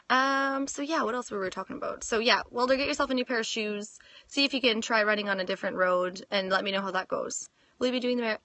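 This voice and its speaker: A Canadian woman in her thirties hosts a casual fitness livestream Q&A, reading out viewer comments and laughing a lot. Her mid-range voice is bright and forceful, captured on a phone mic with no echo.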